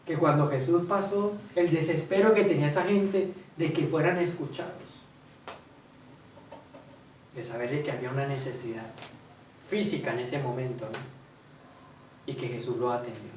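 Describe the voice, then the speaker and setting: A man's voice: a little high, normal speed, pauses often, a little mellow, slight background noise. A man preaching a sermon, asking questions and answering them himself. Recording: roomy hall, voice from far off, faint ambience.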